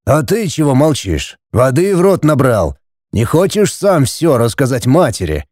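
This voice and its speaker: A man voicing a stern middle-aged judge and father in an audiobook, speaking slowly and heavily as he lectures his family. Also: medium pitch, big pitch swings, darkish tone, no echo, studio quality. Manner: slow, weighty, lecturing. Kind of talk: audiobook character voice.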